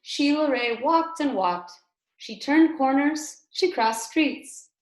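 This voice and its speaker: A woman's voice: high-pitched, animated, slow pace. A woman kindergarten teacher reading a storybook aloud expressively to young children, with emphasis and explanatory asides. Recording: echoey room.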